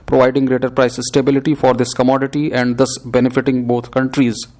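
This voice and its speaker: A man dictating prepared text aloud for a shorthand exercise, reading in a measured, steady, scripted way. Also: medium pitch.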